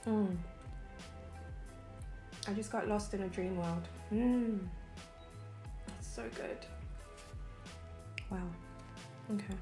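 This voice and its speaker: A young Nigerian woman, a food vlogger, chats casually through a mukbang, eating between lines and dropping plenty of ums. Her medium-pitched voice moves slowly with long pauses, in a roomy space over music.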